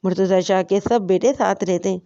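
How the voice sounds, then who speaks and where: A woman voicing a loyal male servant who reports in a dutiful, slow, measured way, on a dull lo-fi recording. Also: mid-range voice, steady tone, warm tone, no echo, natural voice.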